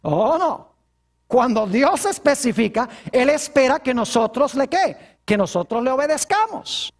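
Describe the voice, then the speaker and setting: A man's voice: extremely high pitch, very animated, unhurried. A man preaching a sermon as pastor, asking his congregation rhetorical questions.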